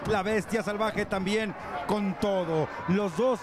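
A high-voiced Mexican man works as a wrestling commentator, calling the moves with urgency and repeated warnings. A very loud crowd and heavy noise surround his voice. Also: fairly even intonation, slow pace. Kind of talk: excited lucha libre play-by-play commentary.

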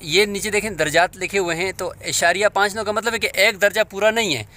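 A man's voice: high voice, fairly even intonation, fairly quick, pushed and bright. A man teaching a hands-on demonstration, patient and step by step, often asking his listeners to check along.

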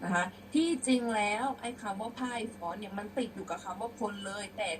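A woman's voice: mid-range voice, brisk, recorded from a distance, a little hiss or hum, poor audio. A young adult woman teacher giving an online lesson, reading verse aloud and patiently explaining pronunciation word by word. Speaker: schoolteacher.

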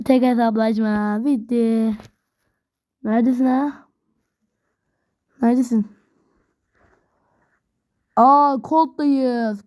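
High-pitched woman yapping through a mobile game match, mellow soft tone, hyped and slangy. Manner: excitable, chatty, slangy, addresses viewers. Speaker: gameplay video host. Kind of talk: casual gameplay commentary.

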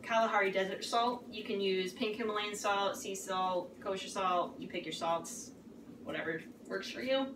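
A woman's voice: medium pitch, moderate pace. Woman in her 30s explaining a recipe, lots of um and like, distant mic in an echoey kitchen. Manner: chatty, instructive, lots of fillers. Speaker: cooking guide, co-host. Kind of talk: casual cooking show banter. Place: home kitchen, indoors. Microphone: camera across the room. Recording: echoey kitchen from far off, noisy.

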